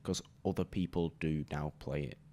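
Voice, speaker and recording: Deep British male podcast guest, deadpan and dry. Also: normal speed. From Britain. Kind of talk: casual chat.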